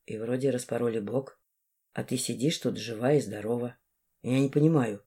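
A woman voicing a worried, protective young man in an audiobook, speaking low and earnestly. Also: steady tone, normal speed, warm tone, husky. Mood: bewildered.

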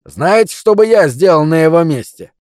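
A brash con man taunts and gloats in a raised, mellow voice, as a male audiobook reader puts him on. The recording is close and dry. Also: on the high side, animated, measured pace, no echo. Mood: mocking, gloating. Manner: mocking, loud, gloating.

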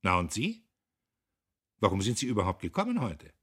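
A man voicing a pompous, bullying young factory heir who barks his orders in a husky voice. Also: on the low side, wildly swooping pitch, normal speed, fairly bright tone, voice pushed up, heavily acted. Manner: barking, self-important.

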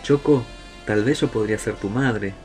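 A man's voice: on the low side, moderate pace, darkish tone, faint music behind, natural voice. A man voicing a kind, motherly female bear in a children's story. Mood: tender.

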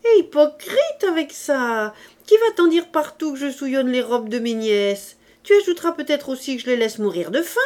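A woman voicing a domineering, quick-tempered mother in a French audiobook, with indignant, shrill outbursts. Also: animated, a little mellow. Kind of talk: audiobook reading.

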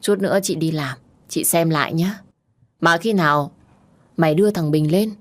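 A curt, businesslike older-sister figure who talks in a casual, familiar way, as a woman storyteller puts her on. Her voice is low and matter-of-fact. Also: moderate pace, natural voice.

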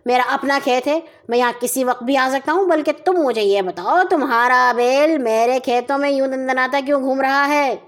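A woman voicing a grumpy, hot-tempered male farmer in a children's story, grumbling and then shouting in anger. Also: a little high. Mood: angry. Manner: grumbling, bursts into angry shouting.

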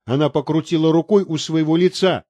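A man narrating a novel as an audiobook reader, even and measured. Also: fairly high pitch, no echo, dull audio. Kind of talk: scripted narration.

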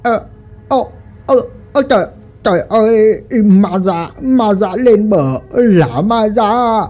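A woman's voice: on the high side, big pitch swings, a little slow, warm tone, voice pushed up. A woman voicing a frightened old fisherman who stammers and panics, in a told ghost story. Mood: panicked.

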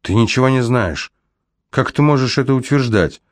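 A man's voice: medium pitch, lively intonation, moderate pace, no room sound, clean studio sound, voice pushed up, lightly acted. A male audiobook reader voicing a cursed young woman who snaps back sharply and resentfully. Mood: defiant. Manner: sharp, resentful, snapping outbursts. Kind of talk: audiobook character voice.

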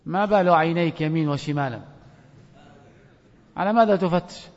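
A man's voice: on the high side, normal speed. A man teaching a grammar class who calls on students and questions them, stretching words out to drive points home. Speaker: sheikh teaching a grammar course. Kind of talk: classroom lesson with oral quizzing. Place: lecture hall. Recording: dull lo-fi recording with long hall reverb.

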